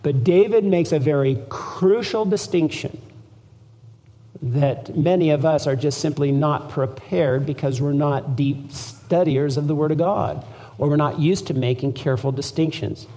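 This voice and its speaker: A man's voice: fairly high pitch, measured pace, mellow. A man preaching an expository sermon, earnestly reading scripture aloud with emphasis. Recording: long hall reverb.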